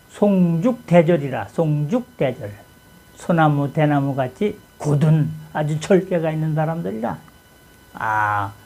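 Gravelly, husky man musing to viewers. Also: a little high, a little mellow, rough recording. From Chungcheong, Korea. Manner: folksy, full of rhetorical questions and prompts. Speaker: channel host. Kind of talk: casual talk on classic texts.

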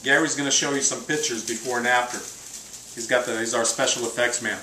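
A man's voice: medium pitch, fairly even intonation, quick pace, slight background noise. A middle-aged man hosting a casual home cooking show, chatting upbeat as he works at the stove. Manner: chatty, upbeat, talks while working at the stove. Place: home kitchen, indoors. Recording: echoey kitchen with loud sizzling.

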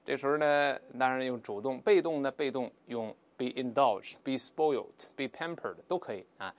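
A man teaching an English vocabulary lesson, explaining patiently and drawing out example words slowly for students to repeat. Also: medium pitch. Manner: lively, drawls English words slowly for repetition; explains patiently with filler particles.

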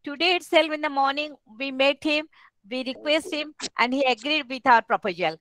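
As webinar host, a middle-aged woman with an Odia Indian accent delivers a formal address at a moderate pace. Her high, bright voice is captured closely and dryly by a headset on a video call.

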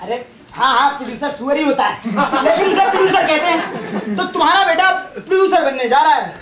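A man playing a boastful young son in a live stage play, mixing English words into his talk and flaring into shouts. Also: very high voice, lively intonation, fairly quick, over a noisy crowd. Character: brash young man, showy city-returned son. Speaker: stage actor. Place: theatre stage. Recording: echoey stage.

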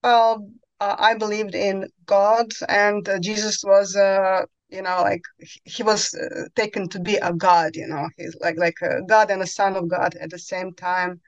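A woman's voice: medium pitch, level tone, a little slow, no room sound, lo-fi sound. A woman in her forties with a Croatian accent, a podcast guest speaking English as a second language, often searching for words, talking over a headset on a video call from home. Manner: searching for words, many fillers. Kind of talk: conversational interview. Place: home room, indoors.

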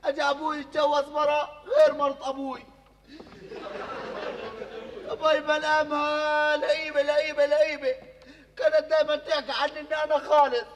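An actor with a Jordanian accent playing a naive, excitable young drifter in a televised stage comedy, loud and quick to flare up. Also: male voice, extremely high pitch, slight background noise. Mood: complaining. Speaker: comic actor. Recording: reverberant stage hall, live audience.

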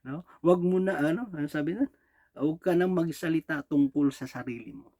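Filipino male preacher, higher voice, conversational sermon full of "di ba?" checks, close dry sound. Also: fairly quick, warm tone, dry recording. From Philippines. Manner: rhetorical "di ba?" and "no?" checks with the congregation, frequent chuckles. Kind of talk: Taglish sermon.

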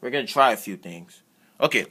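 A man with a husky voice play-acts cartoon-style characters in a halting, excitable way, stumbling and repeating words. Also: mid-range voice. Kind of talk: improvised character play-acting for a fan video.

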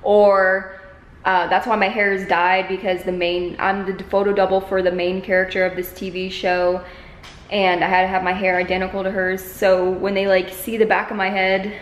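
Inside a medium-sized, bare living room that echoes, a woman in her twenties holds her camera at arm's length and chats casually as a vlogger. She speaks at normal speed in a level, mid-range voice.

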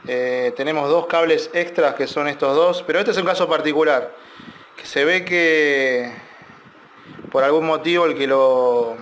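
A man's voice: medium pitch, a bit bright, a little hiss or hum. A man, a repair technician talking through a circuit board in a loose, explanatory way with many fillers and restarts. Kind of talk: casual technical tutorial.

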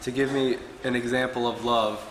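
A man's voice: mid-range voice, little pitch movement, normal speed, fairly bright tone, slight background noise. Earnest young man preaching in echoey hall. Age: young adult. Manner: earnest, reading from notes at a pulpit. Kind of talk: sermon. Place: church hall with wood-paneled walls. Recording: echoey hall with long reverb.

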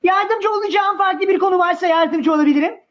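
A woman acting as a female tour sales agent over the phone, high-voiced and politely stubborn. She uses formal service patter on a muffled line. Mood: polite, insistent. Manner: formal customer-service patter with hesitant pauses. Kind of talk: prank call role-play. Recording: muffled phone call audio.

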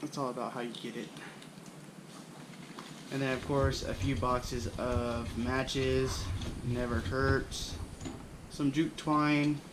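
A man's voice: medium pitch, slow pace, long pauses, very noisy. A young man casually showing his camping gear, rambling with lots of fillers, recorded indoors on the camera mic. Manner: relaxed, rambling with frequent fillers. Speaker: bushcraft channel host. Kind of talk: casual gear show-and-tell. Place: indoors at a wooden floor, small room.

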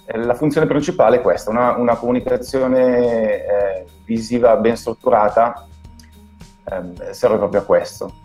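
A man with an Italian accent, a guest designer, explaining things in a halting way that repeats words over a video call. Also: medium pitch, steady tone, darkish tone, soft background music. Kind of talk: casual video call interview.

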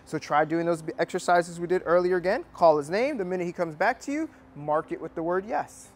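A man's voice: sits high, a little fast. A man working as a dog trainer, teaching a hands-on training lesson indoors and coaching with upbeat praise.

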